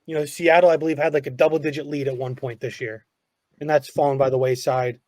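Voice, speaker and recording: A man's voice: medium pitch, little pitch movement, quick pace, a little mellow, no room sound, clean studio sound. A man co-hosting a podcast, leading the talk on to new topics with casual questions. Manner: asks questions to steer the talk. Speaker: podcast co-host. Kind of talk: casual sports chat.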